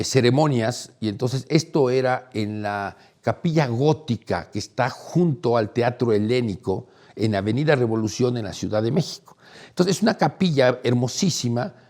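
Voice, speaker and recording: A middle-aged man, hosting and telling a personal story in a casual, animated way. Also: mid-range voice. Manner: animated, acts out quoted voices, laughs while telling. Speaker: host, storyteller.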